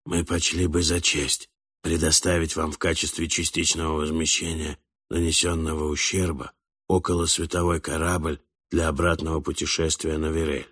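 A man voicing an eloquent alien elder who speaks in a hoarse, strange whisper with long, formal phrases. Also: very deep voice, flat delivery, normal speed, a bit bright, dry recording, clean studio sound, voice pushed down, full character voice. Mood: solemn. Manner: flowing, formal, endless phrasing. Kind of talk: audiobook character voice.

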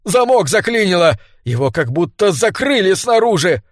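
A man voicing a hunted Englishman, hoarse and shrill, frantic and on the edge of hysteria, in a read-aloud story. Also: normal speed, no room sound, clean studio sound, lightly acted. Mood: frantic panic. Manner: frantic, cursing. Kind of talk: audiobook character voice.

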